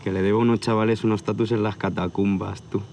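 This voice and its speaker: Talking fast in a voice on the low side, a roughly thirty-year-old tattoo artist from near Barcelona, Spain, chats casually in an outdoor interview. He's relaxed, rambles a little and hesitates, standing at a hilltop viewpoint at sunset with crickets, outdoor ambience and slight background noise.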